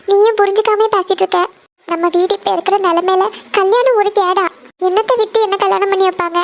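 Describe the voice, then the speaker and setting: A woman voicing a worried young cartoon woman, the eldest sister of a struggling family, who is crying as she pours out her family's troubles in a pleading way. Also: very high-pitched. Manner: tearful, pleading, dwells on family hardship. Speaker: elder sister who gives tuition lessons.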